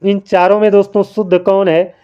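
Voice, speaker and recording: A Hindi grammar teacher runs a spelling quiz, going slowly through each answer by posing a question and then answering it himself, writing by hand as he talks. He explains patiently and keeps calling his listeners friends. His smooth, mellow voice is a little high for a man and keeps a level tone, though the recording sounds dull and lo-fi.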